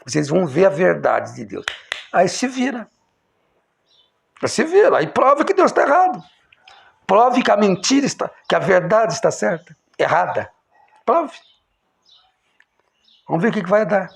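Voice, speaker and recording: A man preaching an impassioned sermon, emphatic, swinging between loud exclamations and low, quiet lines. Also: huge pitch swings, unhurried, creaky, pauses often.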